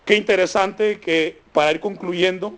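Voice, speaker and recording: A male pastor preaching a sermon, repeating key lines for emphasis, dropping low and soft on them, then praying fervently over the congregation. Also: steady tone, a little slow. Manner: raised, fervent pleading in prayer. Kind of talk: sermon with closing prayer. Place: church congregation.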